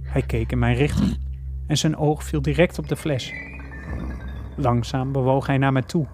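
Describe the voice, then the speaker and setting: A man reading a horror story aloud slowly and deliberately. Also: mid-range voice, steady tone, a little mellow. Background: faint music.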